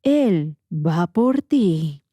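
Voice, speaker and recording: A woman doing a slow, eerie nightmare presenter. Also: lowish voice, big pitch swings, mellow, no room sound, exaggerated voice. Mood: menacing. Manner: slow, drawn-out, eerie commands. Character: menacing male dream game-show presenter.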